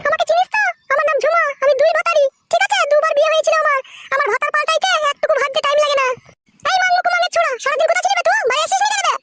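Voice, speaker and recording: A woman's voice: very high-pitched, steady tone, racing, over loud music, voice pushed up. A woman voicing a brash, twice-married village mother-in-law in a comic cartoon, scolding in a foul-mouthed way. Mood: shrieking abuse. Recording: noisy homemade recording.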